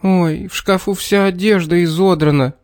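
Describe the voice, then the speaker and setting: A man voicing a fretful mother in a children's story, in a high, lamenting tone. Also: fairly even intonation, moderate pace, darkish tone, no room sound, clean studio sound. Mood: dismayed. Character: fretful mother, upset over her house.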